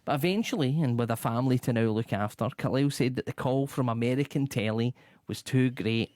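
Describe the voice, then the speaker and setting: Presenter: man, mid-pitched, reads a rundown with dry asides, dry close sound. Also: brisk, a little mellow, no room sound. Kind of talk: scripted rundown with chat.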